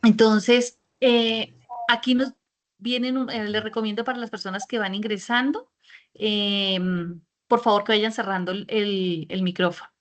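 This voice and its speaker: A woman's voice: medium pitch, steady tone, a little slow. Woman teaching an online class. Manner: explanatory, checks in often with rhetorical questions. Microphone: computer mic on a video call.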